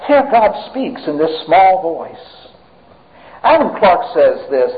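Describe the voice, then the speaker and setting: Man preaching with lively, swinging pitch. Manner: dramatic preaching that swings between loud and hushed; engages the congregation with questions. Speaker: pastor. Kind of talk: sermon. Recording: tinny, phone-like sound with long hall reverb.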